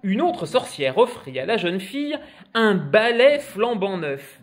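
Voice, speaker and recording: A man reading a children's picture book aloud, expressive and animated. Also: high-pitched, a little slow, faint music behind. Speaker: storyteller.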